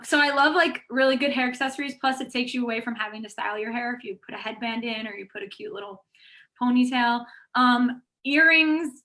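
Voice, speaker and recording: A woman's voice: high-pitched, sharp tone. A woman chatting as a guest on a video call, bubbly and full of "like" and laughs. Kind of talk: casual chat.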